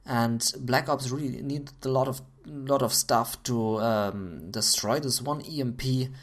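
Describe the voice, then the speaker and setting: A man commentating a video game match on his own, getting excited at big plays, his voice going hoarse. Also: medium pitch, measured pace. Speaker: esports caster.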